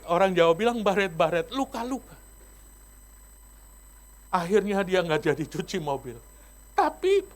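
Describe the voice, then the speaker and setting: A male pastor delivers a sermon, acting out the voices of the people in his story with big swings in pitch.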